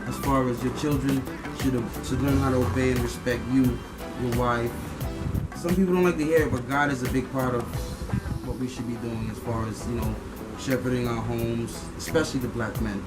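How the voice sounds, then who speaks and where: A man's voice: mid-range voice, fairly even intonation, normal speed, poor audio. A middle-aged man from Liberia, answering interview questions in an earnest, opinionated way, with many fillers and restarts. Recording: loud music behind.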